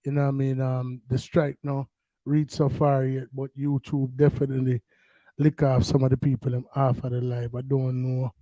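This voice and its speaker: A man's voice: mid-range voice, level tone, moderate pace, mellow, dry recording, lo-fi sound. A man with a Jamaican Patois accent, hosting a live stream in a loose, rambling way with lots of fillers and restarts. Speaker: podcast host. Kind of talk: casual live stream talk.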